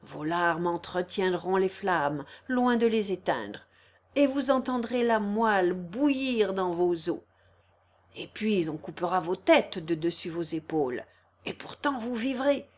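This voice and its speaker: A woman's voice: lowish voice, expressive, unhurried. A woman reading as an old priest preaching hellfire. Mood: menacing. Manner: declaiming, sermon-like. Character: old male village priest, preaching fiercely. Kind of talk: audiobook reading of a quoted hymn.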